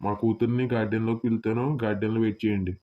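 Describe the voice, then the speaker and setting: A man voicing a calm, agreeable middle-aged father in a comic cartoon, talking briskly. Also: lowish voice, slight background noise, natural voice. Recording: dull lo-fi audio.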